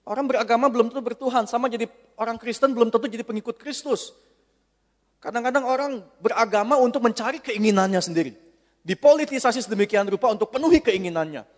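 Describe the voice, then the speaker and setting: A man preaching a sermon, animated, acting out a whining child and a patient father. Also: extremely high pitch, fast talker. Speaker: pastor. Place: large church hall. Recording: long hall reverb.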